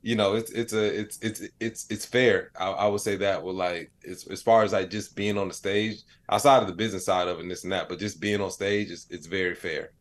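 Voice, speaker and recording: A comedian appears as a podcast guest, chatting in a casual, reflective way and sprinkling his speech with "like" and "you know." His voice is low with fairly even intonation, and he talks fairly quickly with hardly any pauses.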